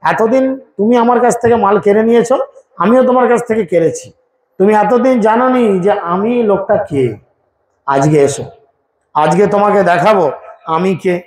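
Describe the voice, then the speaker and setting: A man preaching a devotional sermon, telling stories, acting out voices and slowing into sung recitation of verses. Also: sits high, darkish tone, echoey room, low-quality recording. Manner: acts out voices of figures in stories.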